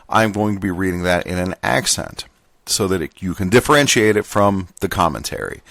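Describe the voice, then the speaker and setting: A man hosting a podcast, reading a labor contract manual aloud word for word in a plain, steady voice, now and then stumbling and correcting himself. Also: lowish voice, creaky, no room sound. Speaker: podcast host.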